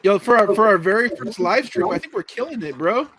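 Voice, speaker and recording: Joking guy on a live stream, high voice swinging all over, laughs a lot. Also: animated, brisk, a little hiss or hum. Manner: loud, joking, laughs often. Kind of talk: casual commentary over a broadcast.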